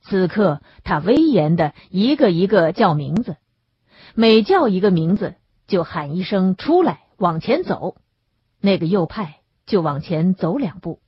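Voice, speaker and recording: A woman narrates an audiobook with expressive, lively intonation and a strongly husky, breathy voice. The recording is dry and close, with a dull lo-fi sound. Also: fairly low pitch, a little slow, no echo. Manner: expressive storytelling.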